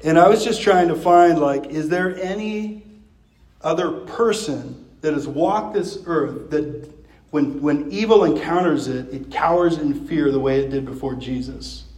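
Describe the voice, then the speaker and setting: A man's voice: fairly high pitch, measured pace, a little mellow, echoey room, rough recording. A man preaching a sermon as pastor, talking in a loose, conversational way with many fillers and restarts.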